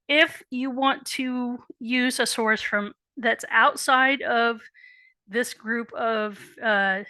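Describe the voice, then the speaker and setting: A woman instructor with a bright, tense tone walks students through an assignment, a bit worn as she loses her voice. She is patient, repeats the key points and drops in candid asides. The sound is close and dry. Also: mid-range voice, no echo. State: losing her voice. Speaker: college writing instructor. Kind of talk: recorded assignment walkthrough.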